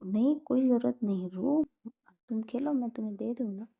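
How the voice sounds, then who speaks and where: A woman's voice: a little high, normal speed, gravelly, breathy edge, narrow, tinny audio, pitched above the performer's own voice. A woman storyteller voicing a playful young woman in love, teasing and mock-brave in a story reading.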